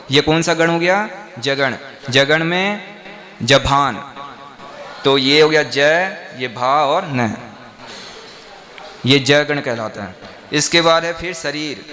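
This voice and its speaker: A man's voice: fairly high pitch, sharp tone. A man, a monk, teaching a class on verse meter, breaking words into syllables and quizzing his listeners.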